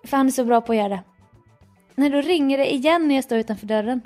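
High-voiced woman telling a story animatedly. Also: faint music behind. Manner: animated storyteller, acts out dialogue, laughs often. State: tired. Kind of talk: casual chat.

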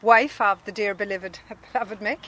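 A woman's voice: mid-range voice, fairly even intonation, moderate pace, fairly bright tone. A woman chatting casually as she is interviewed on holiday. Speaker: camper van holidaymaker interviewed. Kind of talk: casual chat. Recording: faint outdoor background noise.

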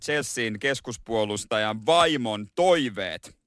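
A man's voice: on the low side, lively intonation, fairly bright tone. A man co-hosting a radio show, trading teasing jokes in casual chat. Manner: teasing, joking banter. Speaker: radio co-host.

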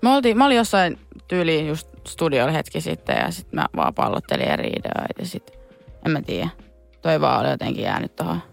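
A woman's voice: sits low, gravelly. A young woman, a music artist, chatting loosely as an interview guest with many fillers. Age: young adult. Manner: relaxed, rambling with many fillers. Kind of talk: casual interview chat.

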